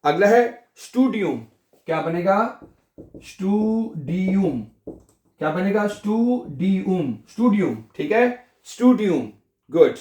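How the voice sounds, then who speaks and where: A man teaching a language lesson, repeating each word slowly and asking and answering his own questions. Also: sits high, expressive, darkish tone, reverberant.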